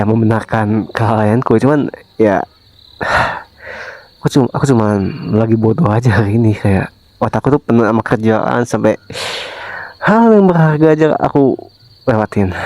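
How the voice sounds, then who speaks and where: A man voicing a remorseful young husband softly pleading with his wife, in a whispered role-play that sprinkles in English phrases. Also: lowish voice, no room sound, natural voice, rough recording. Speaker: ASMR voice actor.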